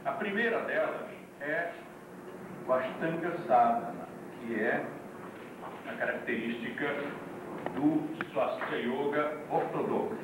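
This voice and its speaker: On an old VHS tape, a man with a mid-range voice teaches a yoga class, lecturing deliberately and explaining terms one by one with asides to the class. The recording is echoey, distant and noisy.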